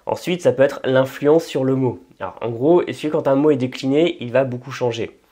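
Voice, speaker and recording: Hesitant French-speaking man, mellow tone. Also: mid-range voice, fairly quick. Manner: thinks aloud with frequent hesitations and restarts. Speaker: language-learning video host. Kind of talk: informal explanatory talk.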